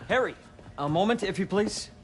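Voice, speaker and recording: An actor playing a measured, courteous middle-aged male doctor in a video game, speaking formally and deliberately. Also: high voice, expressive, a little hiss or hum. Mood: polite, brisk. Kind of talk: video game dramatic acting.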